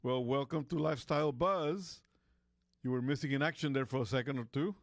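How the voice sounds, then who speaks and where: A man's voice: medium pitch, fairly quick, gravelly, no echo, clean studio sound. A man from Costa Rica hosting a talk radio show, rambling in casual chat with lots of fillers and restarts.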